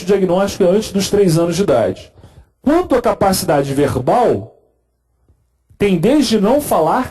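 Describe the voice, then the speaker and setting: A man's voice: high voice, mellow, breathy edge. A man giving a conversational medical lecture, explaining with everyday examples.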